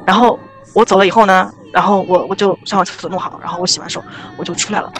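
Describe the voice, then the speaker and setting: A young woman casually telling a ghost story on a podcast, rambling and animated with many restarts. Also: medium pitch, fast.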